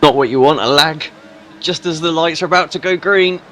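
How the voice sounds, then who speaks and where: Hungover man commentating, clearly noisy track. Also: on the high side, brisk, fairly bright tone. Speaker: race commentator. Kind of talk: casual live sim racing commentary. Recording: clearly noisy, vehicle sounds behind.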